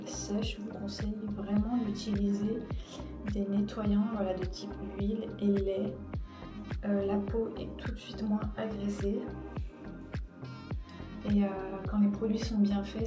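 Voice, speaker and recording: A woman in her thirties giving a casual skincare tutorial, hesitant and full of fillers as she searches for words. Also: medium pitch. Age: 30s. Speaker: beauty vlogger. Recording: echoey room, mic at a distance, music behind.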